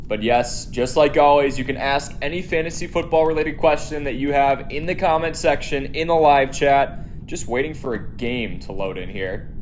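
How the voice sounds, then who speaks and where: During a casual live stream, a man plays a game while talking to viewers and responding to their comments, hardly pausing at all. His medium-pitched voice keeps a normal speed, and with no headset the device audio and echoey room pick up slight background noise.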